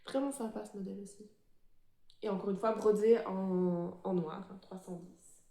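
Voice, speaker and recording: A woman's voice: mid-range voice, fairly even intonation, creaky, mellow. Nervous, hesitant woman in an echoey room. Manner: hesitant, many fillers and restarts; self-described fast talker, a bit nervous. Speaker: cross-stitch vlogger. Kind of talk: casual show-and-tell of embroidery projects.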